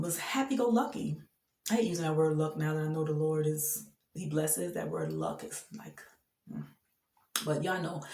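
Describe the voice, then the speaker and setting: A dark-toned, low voice carries through an echoey room as the woman recounts her faith journey. She is earnest and emphatic, keeps it casual, and laughs often between thoughts.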